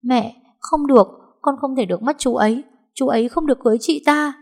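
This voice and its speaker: Woman doing a shrill defiant young woman. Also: a little fast, gravelly, darkish tone. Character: headstrong spoiled young mother.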